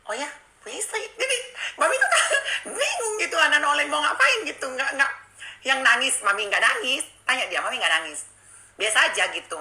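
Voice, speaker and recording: A woman's voice: high voice, brisk, poor audio. A woman, telling a personal story to her live-stream viewers in a chatty, confiding way. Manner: animated, swings between hushed and excited. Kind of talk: casual storytelling to a live audience.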